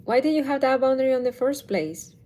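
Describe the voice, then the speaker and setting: This parenting coach, probably in her thirties, talks to the camera in a relaxed, reflective way, pausing to restart and self-correct as she goes slowly. Her voice sits high and sounds mellow yet animated.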